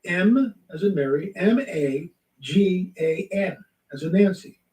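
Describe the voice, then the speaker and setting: A man telling a spiritual testimony in lively storytelling, acting out the voices in his story. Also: high voice, slow, roomy sound, recorded from a distance, rough recording. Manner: animated storytelling, acts out quotes. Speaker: guest. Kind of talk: testimony in a talk show.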